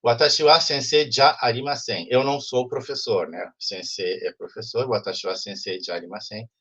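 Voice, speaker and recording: A man teaches an online language class at a mid pitch. His voice is husky, and he keeps checking that the students follow. The call audio is muffled. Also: steady tone, moderate pace, sharp tone. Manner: explanatory, frequent "né?" checks with students.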